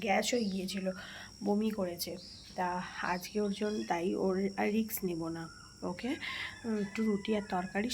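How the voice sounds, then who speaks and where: Young Bengali woman, casual hushed daily-vlog chatter to camera on a phone, faint background noise. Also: medium pitch. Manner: soft and hushed early in the morning; chatty, addresses viewers directly. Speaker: vlogger.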